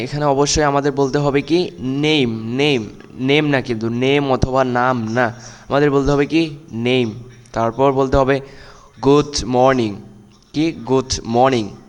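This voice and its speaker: A man's voice: medium pitch, smooth, in a large hall. Male teacher drilling English pronunciation. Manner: slow, drawn-out model pronunciation of English words; repeats and corrects words, addressing children directly. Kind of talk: spoken English lesson for children.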